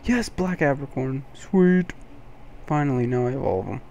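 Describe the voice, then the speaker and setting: Late at night, a male gaming host narrates his own play in a hushed, sleepy way. He speaks at a moderate pace in a warm, mid-range voice, and the audio carries a slight hiss or hum.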